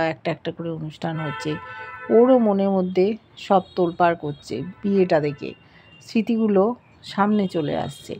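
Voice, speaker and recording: A woman's voice: mid-range voice, warm tone. Woman narrating a TV serial recap. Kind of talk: retelling a TV serial episode.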